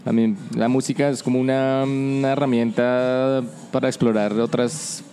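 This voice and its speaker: Calm dark-voiced male musician. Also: medium pitch, moderate pace, a little hiss or hum. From Colombia. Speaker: musician guest. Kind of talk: interview answers.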